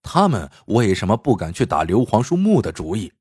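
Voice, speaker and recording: A man's voice: on the low side, sing-song, a little fast, darkish tone, slightly rough, no echo, clean studio sound, heavily acted. A man voicing the reproachful wife of a magistrate, lecturing her husband in a folk tale. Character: scolding wife of a magistrate, middle-aged woman.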